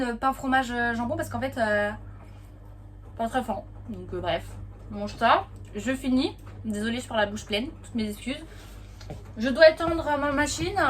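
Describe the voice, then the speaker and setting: A young woman vlogging casually to her phone camera, chatty and playful, with frequent fillers and laughs. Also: high voice. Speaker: dance vlogger. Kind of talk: casual vlog chat to camera. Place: at home, then cycling outdoors and at a café.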